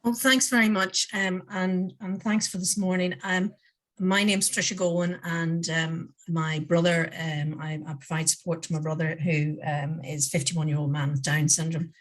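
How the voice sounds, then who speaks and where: A woman family carer speaking at a webinar, her voice a bit gone and hoarse, earnest with many ums. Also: fairly low pitch, flat delivery, normal speed. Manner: earnest, many ums, coughs now and then. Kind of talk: webinar contribution.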